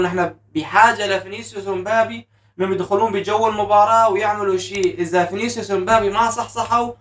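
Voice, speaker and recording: A man hosting a live football match reaction, shouting and chanting at the goals. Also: sits high, recorded from a distance, a little hiss or hum. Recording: echoey room, voice a bit off mic.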